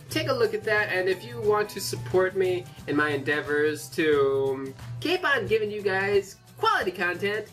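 A young man hosting a casual let's-play, excitable, yelping and swearing as he plays. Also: high voice, distant mic. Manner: excitable, yelps and swears at the game. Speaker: gaming channel host.

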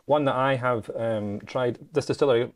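A man's voice: mid-range voice, moderate pace. A man in his thirties co-hosting a podcast in casual chat, rambling with fillers and restarts. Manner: chatty, trailing off with fillers and restarts. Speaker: podcast co-host.

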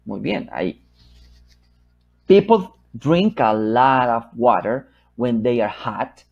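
Husky man teaching step by step. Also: mid-range voice, expressive, muffled recording. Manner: drills phrases slowly, then explains in Spanish with frequent "¿verdad?" checks; models English sentences slowly and loudly, then softly. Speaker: English teacher. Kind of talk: step-by-step English lesson.

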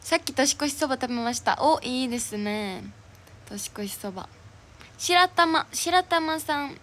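A young woman idol livestreams in a casual, cheerful chat, reading viewers' comments and gifts aloud with thanks in her Kansai accent. Her high voice has lively intonation and a bit of brightness, moving a little slowly over noisy audio.

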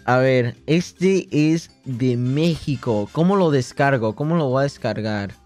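A young Mexican-accented man streams a game and talks in a laid-back, unhurried way, boasting and cracking jokes. He swears constantly, and faint music plays behind him. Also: mid-range voice, darkish tone. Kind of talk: casual gaming livestream.

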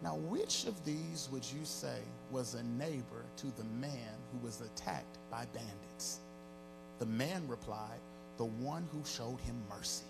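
This pastor, a man in his forties, has a medium-pitched, creaky voice and speaks a little slowly. He preaches into a handheld mic on a large church stage with band gear and an audience, his cadence rising and half-sung. Music plays behind the sermon.

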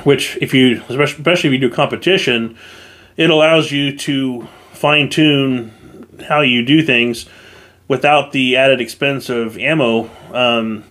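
A man's voice: medium pitch, steady tone, unhurried, fairly bright tone. A man hosting his own channel, talking casually to camera in a product review, with lots of fillers and restarts. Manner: chatty, with frequent fillers and restarts. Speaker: YouTube channel host reviewing gear.

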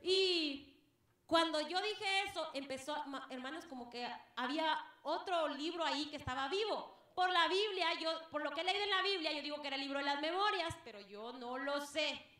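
Fervent, bright-voiced woman testifying in church. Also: high-pitched, moderate pace. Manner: fervent, addresses listeners as beloved brethren. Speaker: church member giving testimony. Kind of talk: emotional church testimony to a congregation. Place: church hall. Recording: very echoey church hall.

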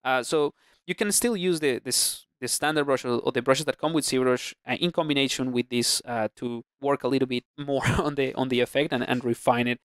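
A ZBrush instructor narrates his screen-captured 3D sculpting tutorial at a fairly quick clip, his medium-pitched voice clean in tone. He discusses his brushes in a relaxed, think-aloud style, stumbling through plenty of fillers and restarts. The close mic gives clean studio sound with no echo.

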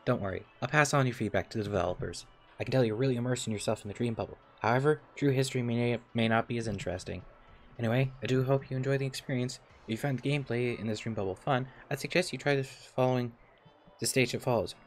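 An eager male merchant of dreams pitches his wares in a bright, upbeat patter, as a streamer reads his lines aloud. The voice sits at an ordinary middle pitch, with no heavy character put on. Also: fast talker, a little hiss or hum, natural voice. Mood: salesy. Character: smooth-talking male dream salesman. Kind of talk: reading game dialogue aloud.

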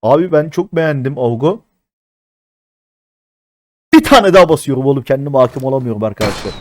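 A man in his thirties doing live-stream commentary as a mobile game streamer, excitable and chatty with his viewers, swearing often. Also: mid-range voice, fairly quick, no room sound. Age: 30s.

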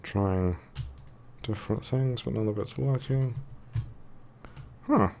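A man's voice: on the low side, slow, creaky, darkish tone, slight background noise. A man with a thick, sore-throated voice giving casual, hesitant let's play commentary, musing to himself as he goes. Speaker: gaming video host.

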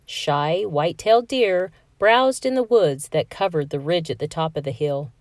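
A woman reading a children's picture book aloud in an expressive, sing-song storytelling manner. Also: low-pitched, normal speed, no room sound, studio quality.

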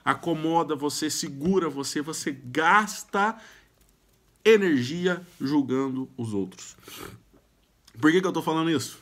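Man, from Brazil, higher voice, casual advice to camera, emphatic, repeats opening sounds. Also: unhurried, fairly bright tone. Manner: emphatic, exhortative, repeats sounds at starts of phrases. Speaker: YouTube speaker giving self-help tips.

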